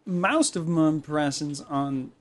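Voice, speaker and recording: A man's voice: fairly high pitch, slow pace. A man co-hosting a podcast in casual chat, joking and crude. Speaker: podcast co-host.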